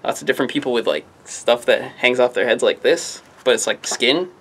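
A man's voice: mid-range voice, fairly quick, fairly bright tone, husky. A man from a comic shop casually running through new comics to camera, rambling and offhand, with jokey self-mocking asides. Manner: rambling, offhand, often trailing into "I don't know". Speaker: comic shop staff presenting new releases. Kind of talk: casual product rundown to camera.

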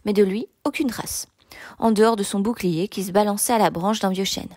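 A woman narrating a novel in the first person, with steady, measured storytelling. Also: medium pitch, no echo, studio quality. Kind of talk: audiobook reading of a novel.

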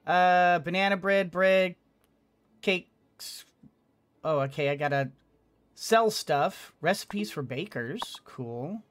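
Speaking slowly in a high voice with lively intonation, a middle-aged game streamer sits at his desk indoors. The recording is dry and clean-toned as he mutters casual commentary to himself while playing.

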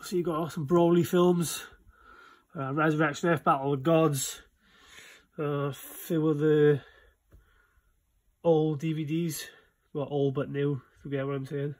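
A man's voice: on the high side, level tone, measured pace, pauses often, darkish tone. A young Welsh man chatting casually as he shows his games room, rambling with many fillers, recorded on a handheld phone. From Wales. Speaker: vlogger giving a room tour. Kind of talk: casual chat. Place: small indoor games room at home. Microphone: phone camera held in hand.

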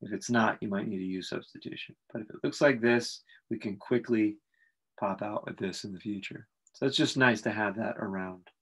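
A man teaching a calculus lesson, talking through each step in a relaxed, explanatory way with frequent fillers. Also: on the low side, normal speed, breathy edge. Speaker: math instructor. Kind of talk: recorded calculus lecture.

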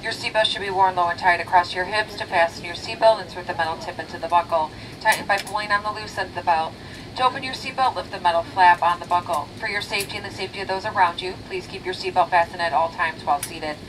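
A woman's voice: fairly low pitch, fairly even intonation, quick pace. A woman flight attendant reading a scripted safety briefing over a cabin intercom. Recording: distant cabin PA with aircraft noise.

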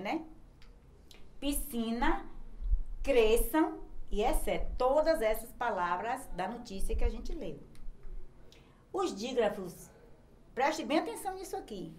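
A woman's voice: fairly high pitch, darkish tone, roomy sound, low-quality recording. A woman teacher with a Brazilian Portuguese accent giving a recorded grammar lesson to young children, patiently spelling out letters one by one. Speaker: primary school teacher.

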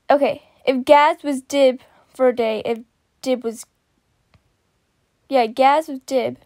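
A woman casually reacting to fan art, excitable and giggly, gasping and exclaiming often. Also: high-pitched, dry recording.

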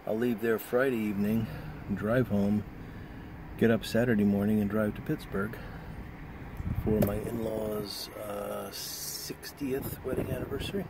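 Driving along, a man in his fifties talks to the camera mounted on his dashboard in a lowish voice, a little slowly. The vlogger is relaxed and rambling, full of fillers, against loud car and road noise.

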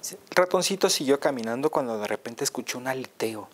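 A man telling a children's tale aloud in an animated, playful way, full of repetition. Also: medium pitch, fairly quick. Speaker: storyteller. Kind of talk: oral storytelling for children.

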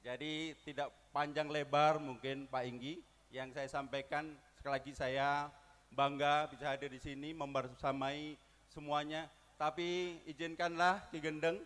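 A man speaks as a guest speaker at a community gathering. His voice sits a bit high, and his delivery is ceremonious and formal. He leads the crowd in call-and-response chants. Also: little pitch movement, unhurried, fairly bright tone. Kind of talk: formal public speech.

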